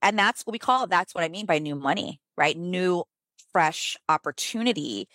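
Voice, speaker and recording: In a relaxed interview, this middle-aged businesswoman and author from the United States talks at a normal speed. Her delivery is animated, dotted with "like" and other fillers, and punctuated by abrupt emphatic rises; no room sound is audible.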